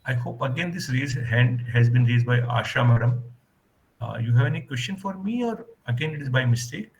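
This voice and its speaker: A man's voice: medium pitch, lively intonation, fairly quick, low-quality recording. Hesitant male lecturer. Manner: polite, hesitant, many fillers. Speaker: guest lecturer. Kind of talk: online lecture. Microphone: video call.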